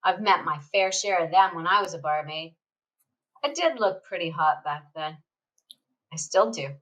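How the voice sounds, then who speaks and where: A woman's voice: on the low side, lively intonation, moderate pace, a bit bright, rough recording. A woman playing a nagging, bitter ex-barmaid mother. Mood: sarcastic. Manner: nagging, scolding, sarcastic. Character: bitter, crass middle-aged mother, ex-barmaid. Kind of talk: student radio play acting.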